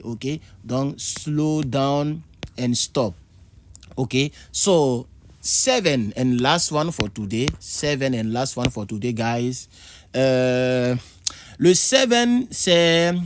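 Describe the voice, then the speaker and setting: A man teaching English idioms in a video lesson, repeating words and jumping high to act out phrases. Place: indoor room with a board.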